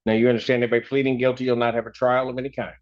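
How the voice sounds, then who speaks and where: A man serving as judge, working through formal questions at a measured pace. His voice sits at an ordinary middle pitch. It comes through a courtroom recording with dull, muffled sound. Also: flat delivery. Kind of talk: formal court plea hearing.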